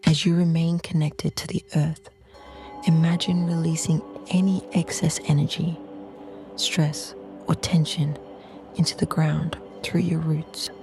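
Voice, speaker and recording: Low, soft woman guiding a calm grounding meditation. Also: faint music behind. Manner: slow, soothing, measured delivery in short phrases. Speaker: meditation guide.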